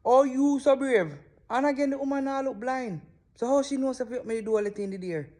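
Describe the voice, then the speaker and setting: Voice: high voice, a little fast, warm tone. A speaker with a Jamaican accent giving incredulous, exclaiming reaction commentary in patois. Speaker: video reactor.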